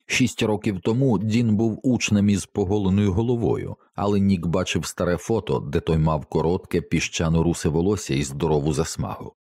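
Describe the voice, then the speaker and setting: A man narrating an audiobook in a steady, measured reading. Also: deep voice, no room sound, studio quality. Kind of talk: scripted narration.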